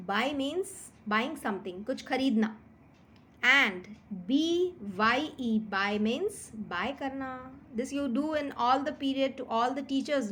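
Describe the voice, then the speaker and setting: A woman's voice: a little high, a bit bright, a little hiss or hum. A woman with an Indian accent teaching English words to children, mixing Hindi and English and spelling words out letter by letter. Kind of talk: classroom-style grammar lesson.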